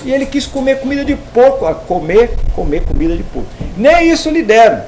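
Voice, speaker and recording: Man, Bible teacher, animated storytelling, lively pitch, roomy echo. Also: brisk. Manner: animated storytelling, acts out dialogue with shifting voice. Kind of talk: informal theology class lecture. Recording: echoey room, voice from a distance, faint noise.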